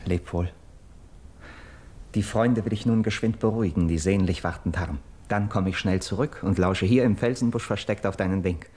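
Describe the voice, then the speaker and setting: Pitched on the low side, a little mellow and slightly rough, this actor performs a young nobleman of Greek myth in a classical verse radio play. He speaks with urgency and persuasion in measured, declamatory stage diction.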